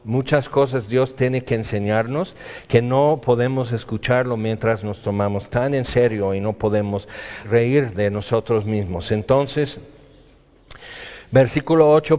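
A man's voice: medium pitch, darkish tone. A man preaching a humorous, conversational sermon in a church hall. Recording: dull, reverberant hall sound.

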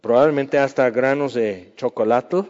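A man preaching a sermon in a conversational way, acting out quoted voices and sometimes dropping to a hush. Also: medium pitch, moderate pace. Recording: dull sound with long hall reverb.

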